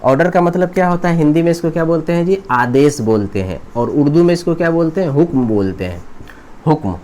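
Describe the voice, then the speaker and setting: A man's voice: fairly high pitch, lively intonation, a little mellow. A man teaching English grammar in a classroom-style lecture, repeating terms and quizzing his students as he goes. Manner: explains slowly, repeats terms and asks the students questions.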